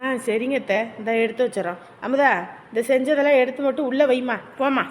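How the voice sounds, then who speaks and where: Actress as a consoling village aunt, higher voice. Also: female voice, fairly quick, a little hiss or hum, lightly acted. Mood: reassuring. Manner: earnest, consoling, talkative. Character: warm-hearted married aunt of the family. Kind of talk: village family drama.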